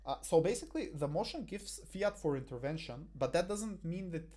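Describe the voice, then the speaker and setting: A young Bulgarian debate coach on a headset in a small room explains a debate motion over slides, hesitating with lots of fillers and restarts. His voice is fairly high, darkish in tone, animated and a little fast.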